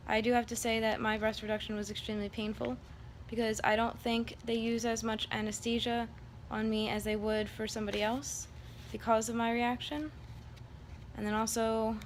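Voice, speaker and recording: A woman speaks in a rambling, candid vlog style. Her mid-pitched voice moves within a narrow, even range. Faint background noise sits behind her casual telling. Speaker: vlogger. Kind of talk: casual personal vlog, recounting her surgery.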